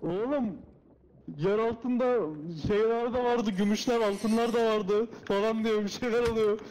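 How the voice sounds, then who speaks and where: A young man chatting casually while playing an online game, excitable, repeating himself and swearing. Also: high-pitched, measured pace, poor audio. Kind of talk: casual gaming chat. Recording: background noise on gaming voice chat.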